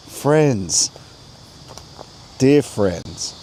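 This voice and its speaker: A man hosting a reflective spiritual vlog, speaking slowly and meditatively with soft laughs while outdoors in a coastal national park. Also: lowish voice, slight background noise. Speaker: host. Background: crickets and insects.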